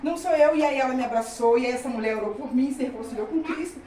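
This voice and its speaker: A woman's voice: a little high, quick pace, a little mellow, a little hiss or hum. A middle-aged woman giving a testimony in a church service, telling her story fervently with lots of repetition. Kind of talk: testimony sermon to a congregation. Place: church hall with congregation. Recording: echoey hall from far off with congregation.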